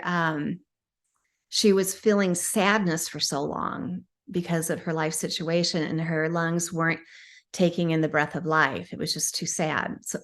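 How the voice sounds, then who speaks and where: Low-voiced woman telling a healing story. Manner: chatty, frequent ums and restarts. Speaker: hypnosis practitioner, podcast guest. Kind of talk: casual storytelling.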